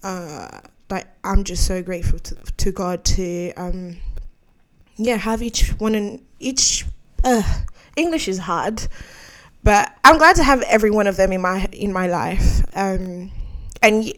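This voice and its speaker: A woman's voice: medium pitch, measured pace. Young woman podcast host, frank and rambling monologue, laughs easily. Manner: candid, rambling, laughs often.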